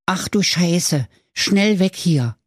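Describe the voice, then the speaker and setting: A man doing a sassy squeaky piglet girl. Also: expressive, slow, no echo, clean studio sound, full character voice. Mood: panicked. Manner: squeaky, sassy sing-song. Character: cheeky little female piglet.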